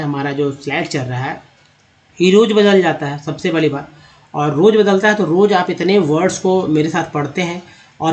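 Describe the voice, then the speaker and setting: A man teaching English reading in a slide lesson, breaking words into parts and repeating syllables. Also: fairly high pitch. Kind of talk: slide-based spelling lesson. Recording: dull lo-fi sound.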